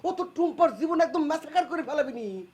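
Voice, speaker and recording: An excitable meddling uncle. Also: male voice, very high-pitched, brisk. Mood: agitated. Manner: boastful, excitable. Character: meddling young maternal uncle, know-it-all and excitable. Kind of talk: comic TV drama acting.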